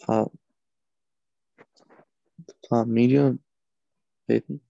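Hesitant gravelly male student. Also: mid-range voice, fairly even intonation, drawn-out words, mellow, no echo, muffled recording. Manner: hesitant, many fillers. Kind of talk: answering in an online lesson.

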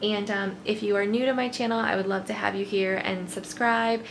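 A woman's voice: medium pitch, fairly even intonation, moderate pace, vocal fry, slight background noise. Chatty young woman vlogger. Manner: chatty, full of ums and likes. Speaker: home cleaning vlogger. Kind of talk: casual how-to demo. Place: home living room.

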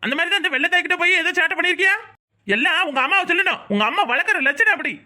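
A strict old grandfather in a cartoon, voiced by a woman with a southern Tamil accent. The voice sits high and bright, and he rattles off threats and complaints about how the children are raised. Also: expressive, rapid-fire, heavily acted. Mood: scolding. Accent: southern Tamil Nadu, Tirunelveli-Kanyakumari. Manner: scolding, threatening. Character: old grandfather, stern and scolding.

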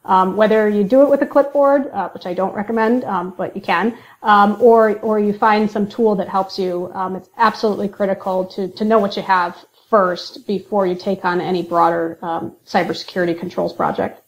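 A woman's voice: mid-range voice, fairly even intonation, moderate pace, hardly any pauses. A woman guest on a podcast interview, explaining steadily with frequent ums and restarts. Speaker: guest, industrial cybersecurity manager.

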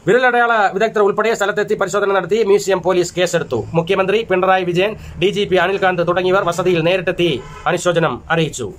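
A man reading newspaper stories aloud in a steady, formal manner, with small restarts now and then. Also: sits high, fairly quick. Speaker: newsreader. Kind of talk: read-aloud newspaper headlines.

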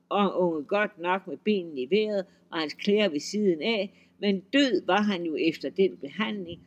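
A man reading a folk tale aloud in a lively, expressive storytelling manner. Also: high voice, highs cut off.

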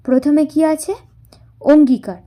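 A woman's voice: sits high, steady tone, measured pace, dark tone. A woman teaching a class lesson, spelling words out syllable by syllable and answering her own questions.

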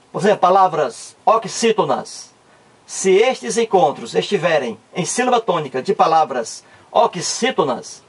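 With a husky, high voice, a Cearense-accented man from Ceará, Brazil, teaches grammar and hammers his points home through repeated emphasis. He speaks Brazilian Portuguese in the northeastern style of his state.

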